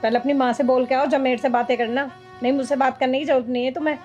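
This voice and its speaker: A woman's voice: sits high, little pitch movement, fast talker, darkish tone, faint music behind, natural voice. A woman playing a sulky aggrieved young bride. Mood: resentful. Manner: sulky, resentful. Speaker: young wife in a village drama. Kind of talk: Haryanvi film acting.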